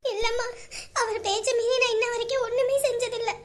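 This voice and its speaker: A woman's voice: very high-pitched, flat delivery, fairly quick. A woman playing a tearful young married daughter who pleads while crying. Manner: weepy, pleading.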